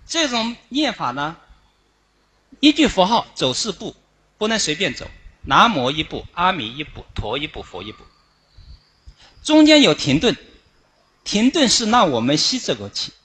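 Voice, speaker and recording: A man giving an instructional Dharma talk on chanting, explaining it in a measured way with frequent drawn-out "ah" fillers. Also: sits high, wildly swooping pitch, pushed and bright, breathy edge. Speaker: Buddhist chanting teacher.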